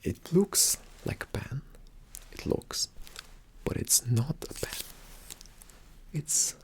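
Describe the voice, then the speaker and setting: Speaking in a mid-range voice, a man whispers his way through an ASMR roleplay as a calm, attentive male spy agent. He briefs a partner with hushed, deliberate instructions, his tone soft, breathy and a touch creaky.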